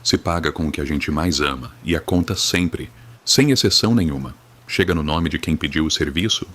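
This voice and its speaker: A man's voice: very deep voice, fairly bright tone. A Brazilian man reading a first-person horror story in a somber, dramatic, grave manner.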